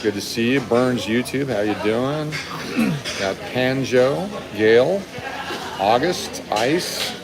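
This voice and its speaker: This animated man in his fifties takes it slowly as he chats and rambles a little on a live stream. The low-quality audio comes from a phone held at arm's length in a busy indoor restaurant, with chatter and rumble behind his voice.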